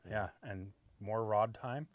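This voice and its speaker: Out on a boat, a man in his forties hosts a fishing show and casually discusses his gear via a lapel mic. His voice is on the low side and slow, the audio has no room sound, and the highs are cut off. He's relaxed and conversational, punctuating lines with "right?"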